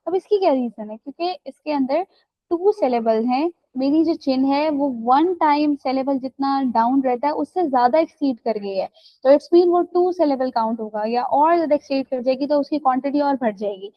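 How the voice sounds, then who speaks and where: A woman with a high voice teaches an English class online at a normal pace, explaining things step by step. She checks that students are following with "right?" and "theek hai." The audio is lo-fi with no room sound.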